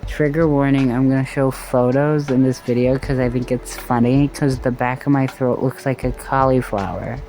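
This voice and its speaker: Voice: medium pitch, fairly even intonation, normal speed, hardly any pauses, dark tone, slight background noise. A vlogger with a sore throat after tonsil surgery, giving casual advice in a loose, rambling valley-girl drawl with plenty of swearing. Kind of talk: casual to-camera advice chat.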